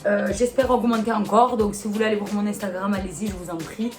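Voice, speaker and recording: Music runs behind a fast-talking woman of medium pitch and fairly even intonation. Speaking with a Marseille French accent, this YouTuber addresses comments to camera casually yet bluntly, sounding exasperated and asking plenty of rhetorical questions.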